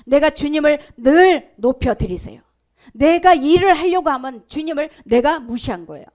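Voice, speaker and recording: High-voiced woman pastor preaching. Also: expressive, normal speed, darkish tone. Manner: emphatic preaching, sudden drops to a whisper; repetitive, conversational storytelling. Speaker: senior pastor. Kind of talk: sermon. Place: church sanctuary.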